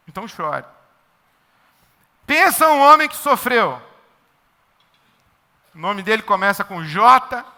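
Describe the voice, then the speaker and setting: Brazilian pastor, high bright voice, emphatic conversational sermon, long church reverb. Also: male voice. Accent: Brazilian Portuguese. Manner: emphatic, repetitive, conversational preaching.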